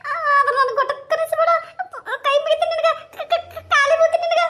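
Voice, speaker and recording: Frightened stammering high woman, cartoon. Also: fairly even intonation, brisk, fairly bright tone, a little hiss or hum. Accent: North Karnataka Kannada. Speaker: cartoon channel creator. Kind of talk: cartoon voice acting.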